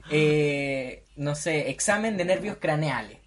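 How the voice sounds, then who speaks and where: A man's voice: a little high, expressive, slow pace. A young Chilean man with a slightly raised voice, joking his way through a loose podcast conversation. He talks over others and laughs often, with faint hiss behind him. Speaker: podcast host. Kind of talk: casual podcast chat.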